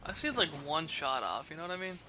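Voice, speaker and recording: A man's voice: on the high side, sing-song, quick pace, sharp tone, a little hiss or hum. A young man casually chatting while streaming a game, rambling and tripping over his words.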